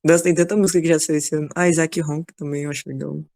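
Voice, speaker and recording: A woman's voice: low-pitched, steady tone, fast talker, vocal fry, mellow. Chatty woman on a video call. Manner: chatty, rambling, enthusiastic. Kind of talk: casual chat in an online class.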